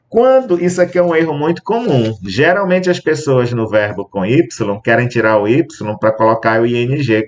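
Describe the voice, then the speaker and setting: Man teaching English, muffled sound. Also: on the low side. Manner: explains patiently, spells out letters, repeats English examples slowly. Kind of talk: recorded grammar lesson.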